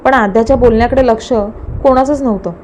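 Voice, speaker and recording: A woman narrating a serialized romance story in a calm, expressive manner. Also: on the high side, quick pace, slight background noise. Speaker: audiobook narrator.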